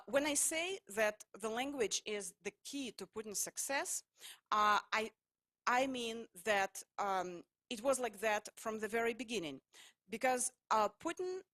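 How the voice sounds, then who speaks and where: Halting woman. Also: on the high side, a bit bright. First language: Russian. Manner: halting, full of hesitations and restarts. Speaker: speaker at a public talk. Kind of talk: lecture-style public talk.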